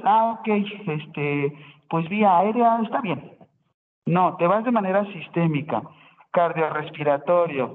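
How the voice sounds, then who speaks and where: A man walks his class through a nursing procedure. He explains step by step, asks rhetorical questions and corrects himself along the way. The sound is thin and phone-like, with a long hall echo and faint background noise. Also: sits high. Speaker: nursing student presenting. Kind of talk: classroom presentation. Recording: tinny phone-line sound in echoey hall.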